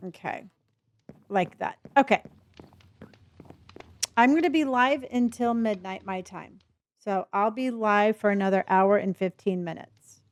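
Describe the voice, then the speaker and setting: A woman live streaming a game with casual, halting commentary, thinking aloud, with a speech impediment that turns her r's into w's. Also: medium pitch, dry recording. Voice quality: speech impediment, cannot pronounce R's, says w for r.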